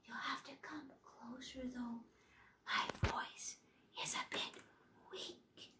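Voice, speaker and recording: A raspy, menacing witch out of a storybook, as a woman reader puts her on, low and slow, drawling her words. The voice sounds distant and echoey, as if the mic is across the room. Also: animated, very noisy, heavily acted. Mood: whispering. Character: hulking gray-robed witch woman, raspy and sinister. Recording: roomy echo, far from mic.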